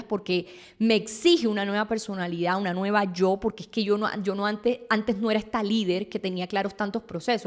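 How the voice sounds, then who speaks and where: Animated woman musing aloud. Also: mid-range voice. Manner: animated, emphatic, reads quotes aloud. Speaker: podcast host, entrepreneur. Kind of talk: casual reflective monologue.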